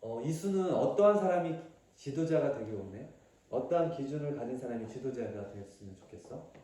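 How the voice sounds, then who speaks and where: A male pastor giving a family sermon, coaxing children with questions and sometimes acting out a shouting father. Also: mid-range voice, animated, a little fast, noisy background. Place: church hall. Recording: very echoey hall from far off.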